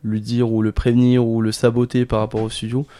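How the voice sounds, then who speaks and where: A man appearing as a guest in a casual film discussion, halting and searching for his words. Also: medium pitch, monotone, dark tone.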